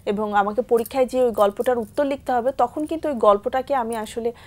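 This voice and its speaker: A woman with a Bangladeshi Bengali accent hosting a TV talk show, asking questions in a polite, measured way. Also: on the high side. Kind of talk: studio interview.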